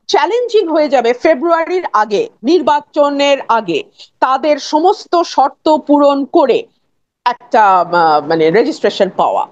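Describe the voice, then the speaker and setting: A woman, a guest on a political talk show, arguing her points forcefully and dropping in English phrases. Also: high-pitched, no room sound, lo-fi sound.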